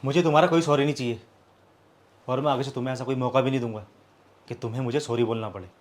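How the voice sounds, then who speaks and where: A man's voice: mid-range voice, fairly even intonation, fast, close to an everyday voice. An actor playing a proud young man who argues defensively with his partner, then turns cold and bitter. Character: young man, proud, hurt, coldly walking out. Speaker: live-in partner. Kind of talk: scripted short-film acting.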